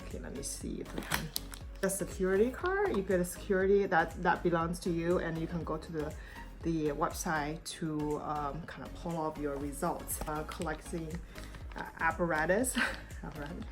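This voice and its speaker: A woman's voice: low voice, moderate pace, over music. A woman from China, raised in the United States, talking casually to camera in a product review vlog, meandering with frequent ums and restarts. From born in China, raised in the United States. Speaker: YouTube vlogger.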